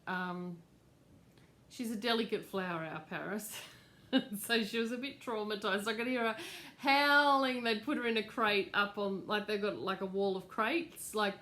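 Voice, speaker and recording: A woman's voice: mid-range voice, normal speed, sharp tone. A middle-aged woman, hosting a crafts channel in a casual, rambling chat at home with lots of fillers. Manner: chatty, rambling, with fillers and laughs. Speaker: cross-stitch channel host.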